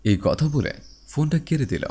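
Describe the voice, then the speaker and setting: A man's voice: sing-song, normal speed, vocal fry, warm tone, breathy edge. A man narrating a dramatized story and giving each character a voice of its own. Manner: voices every character with shifts in pitch.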